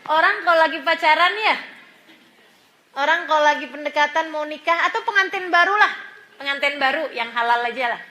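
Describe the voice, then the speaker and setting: A woman's voice: sits high, sharp tone. A woman religious teacher giving a sermon to women, telling stories, acting out the people in them and laughing often. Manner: storytelling, acts out quoted voices, laughs often.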